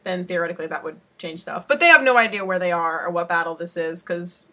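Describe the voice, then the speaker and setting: A woman's voice: fairly low pitch, quick pace, sharp tone. A woman co-hosting a casual podcast, chatting about a book and thinking aloud with fillers. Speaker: podcast co-host.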